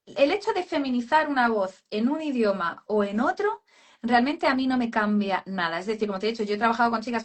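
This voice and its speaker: A woman speech therapist explaining voice work in a casual live chat, calling people "cariño". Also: medium pitch. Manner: explanatory, addresses listener as cariño.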